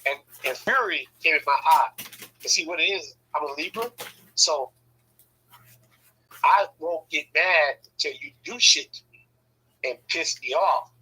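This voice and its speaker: A man's voice: a little high, measured pace, pauses often, pushed and bright, slightly rough, low-quality recording. A man casually telling a rambling, profane story, often checking in with "right?". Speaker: podcast host telling a story.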